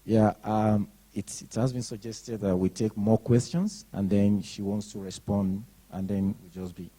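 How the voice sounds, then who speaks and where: A man chairing the question session of a public lecture, brisk and polite, with frequent short acknowledgements. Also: fairly low pitch, level tone, warm tone, rough recording. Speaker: moderator.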